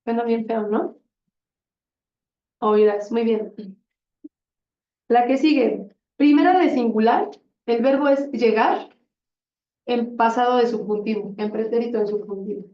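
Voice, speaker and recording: A woman's voice: fairly high pitch, a little slow, long pauses, mellow. A woman teaching a Spanish conjugation drill in a classroom, patient and encouraging and often praising answers. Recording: roomy, distant and dull classroom sound.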